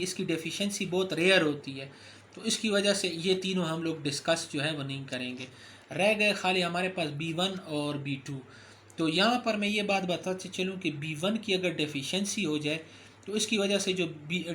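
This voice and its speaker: A man's voice: sits high, fairly bright tone, a little hiss or hum. A man giving a recorded medical lecture, explaining step by step with frequent fillers and self-corrections.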